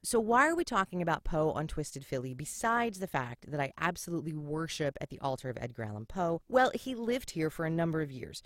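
A woman's voice: low-pitched, big pitch swings, a little fast, few pauses, dry recording, clean studio sound. A middle-aged woman from Philadelphia hosting a history podcast, narrating in a sarcastic, irreverent way and swearing casually. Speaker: podcast host.

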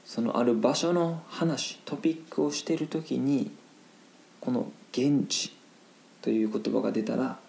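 A man teaching Japanese vocabulary in a casual lesson, explaining slowly in simple Japanese with English glosses mixed in. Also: mid-range voice, gravelly, darkish tone, echoey room, low-quality recording.

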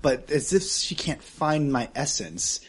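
A man's voice: on the high side, lively intonation, unhurried, breathy edge. A man chatting casually and improvising story as a player in a tabletop game.

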